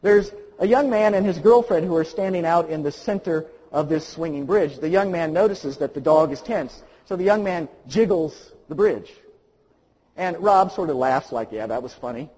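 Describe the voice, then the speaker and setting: A man's voice: a little high, animated, moderate pace, husky. Impassioned preacher man in a reverberant hall. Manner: impassioned, swings from quiet to loud. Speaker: pastor. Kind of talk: sermon.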